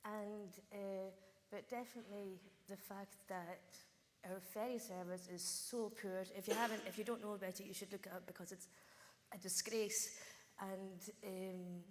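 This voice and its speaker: A woman's voice: medium pitch, steady tone, measured pace. A young woman with a Hebridean Scottish accent, speaking off the cuff as a rural youth panellist. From Outer Hebrides, Scotland. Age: young adult. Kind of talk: unscripted panel discussion. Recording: echoey hall, noticeable room noise.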